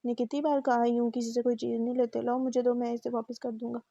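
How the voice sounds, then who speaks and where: A man's voice: very high voice, level tone, quick pace, gravelly, mellow, dry recording. A woman voicing a blunt, stubborn young man. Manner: curt, insistent. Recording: dull muffled recording.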